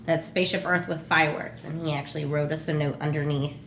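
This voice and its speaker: A woman co-hosting a casual question game, chatty and thinking aloud with frequent pauses. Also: low-pitched, fairly even intonation, fairly bright tone. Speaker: channel co-host answering questions. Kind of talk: casual chat. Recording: echoey room with faint noise.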